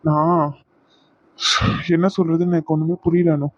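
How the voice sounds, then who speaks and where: A man's voice: a little high, flat delivery, moderate pace, no echo, natural voice. A man voicing a jealous young husband in a dubbed cartoon, sarcastic and accusing, recorded lo-fi. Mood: stern. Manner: accusing, sarcastic, repeats his demands. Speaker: cartoon voice actor.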